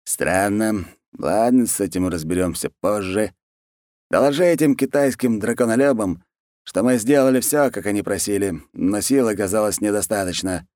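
A man's voice: lowish voice, normal speed, a little mellow, no echo, studio quality, voice pushed up, natural voice. A man voicing a fat, lazy and cruel khan who talks in a peevish, bossy way.

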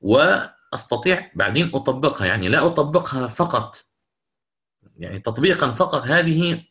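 A man's voice: mid-range voice, sing-song, a bit bright. A middle-aged man teaching Quran recitation rules in a lecture, explaining step by step and stopping to check his students follow and to take questions. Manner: explanatory, pauses to check understanding and answer questions. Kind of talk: online lecture with recited examples.

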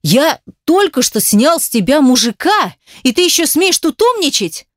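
A woman voicing an enraged jealous man who accuses his partner harshly and swears roughly. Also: mid-range voice, a little fast, no room sound, studio quality, natural voice. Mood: indignant.

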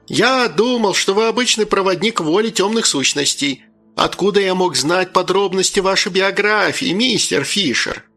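A servile, man-eating little red imp, all bowing courtesy, in a husky, slightly raised voice, put on by a male audiobook reader. Soft music sits under the storybook reading. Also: high-pitched, animated, moderate pace, pitched above the performer's own voice, exaggerated voice. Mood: fawning. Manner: fawning, overly polite. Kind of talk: audiobook character voice.

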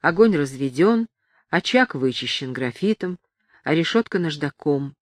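Lady reading an audiobook, steady and measured, dry close mic. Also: deep voice, dry recording. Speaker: audiobook narrator. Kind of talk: scripted narration of a novel.

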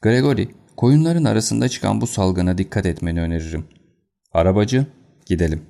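A man reading the lines of a calm, confident detective in an audiobook, in a cool and unruffled manner. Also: fairly low pitch, brisk, creaky.

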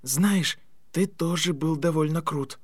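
A man's voice: fairly high pitch, slow pace, no echo, studio quality, pitched above the performer's own voice. A man reading an audiobook, voicing a clever boy who speaks earnestly and at times strains his voice.

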